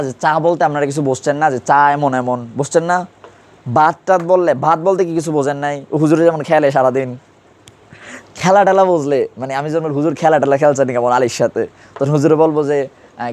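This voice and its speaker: Quizzing students with repeated questions, a male Urdu grammar teacher leads a classroom lesson. His voice is on the high side with a darkish tone.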